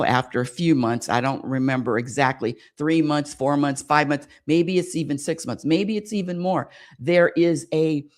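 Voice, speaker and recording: A woman hosting a spirituality radio show, talking in a repetitive, searching way and often asking listeners for agreement. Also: deep voice. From United States. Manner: repetitive and searching, calls for audience affirmation. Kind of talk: spiritual talk monologue.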